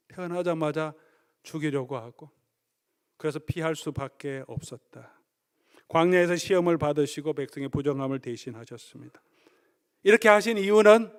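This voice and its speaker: A man's voice: fairly high pitch, clean tone. A male pastor preaching a sermon, explaining word meanings and acting out scenes with animation. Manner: animated storytelling, acts out scenes.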